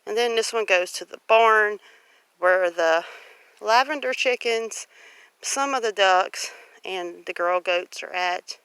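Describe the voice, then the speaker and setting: A Louisiana woman with a Southern accent, a homestead vlogger, chats in a folksy way as she walks outdoors on her rural homestead, explaining things for a casual walk-and-talk vlog. Her mid-range voice is fairly bright, clear and resonant, and she takes it slowly. Shot on a handheld phone, the low-quality, dry recording picks up faint outdoor noise.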